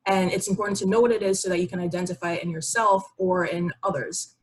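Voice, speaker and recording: Slight background noise accompanies this young Barbadian woman, whose voice is on the low side, steady and quick. She's a psychiatry resident presenting conversationally and informally in an online video meeting with shared slides, explaining educational material.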